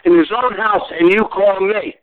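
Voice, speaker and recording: A man's voice: high voice, normal speed. A man in his forties in a heated phone argument, furious, swearing and repeating himself over and over. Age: 40s. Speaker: call recipient. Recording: tinny phone line.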